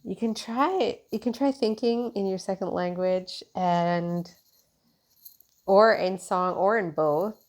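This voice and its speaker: A native English-speaking woman with a medium-pitched voice and a slow pace gives a casual, spiritual tarot reading. She meanders loosely, filling her speech with fillers and restarts.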